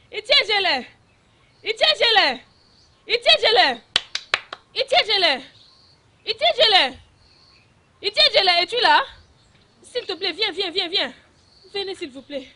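A woman's voice: extremely high pitch, lively intonation, moderate pace, bright, forceful tone, full character voice. An actress voicing a young village woman searching for her missing mother in a French film dub, insistent and often tearful. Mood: urgent.

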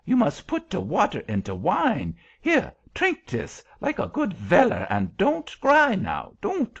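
A man's voice: high-pitched, wildly swooping pitch, breathy edge, lo-fi sound, voice pushed up, heavily acted. A man voicing a bossy, irascible little self-styled angel who blusters in broken English with a thick German accent, in a storybook reading. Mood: softened, soothing. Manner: blustering, broken English, drawn-out emphatic delivery.

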